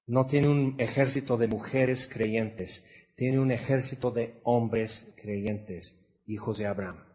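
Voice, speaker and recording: A man preaching a sermon with a Mexican accent. He speaks with emphasis, moves between raised and hushed delivery, and puts rhetorical questions straight to his listeners. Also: medium pitch.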